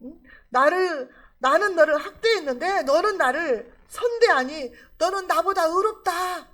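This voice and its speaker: A woman's voice: high-pitched, lively intonation, normal speed, gravelly, fairly bright tone, full character voice. A woman pastor voicing a weeping, remorseful old king in her sermon, pleading and drawn out.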